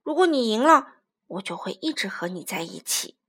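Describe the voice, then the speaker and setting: A woman voicing a kind, gentle father tyrannosaurus in a children's storybook, speaking softly and soothingly. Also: on the high side, big pitch swings, moderate pace, husky, exaggerated voice.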